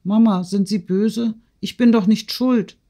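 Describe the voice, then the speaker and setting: A man reading an audiobook, voicing an excited, impulsive teenage girl with a high, eager voice. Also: unhurried. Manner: high, eager, breathless pleading.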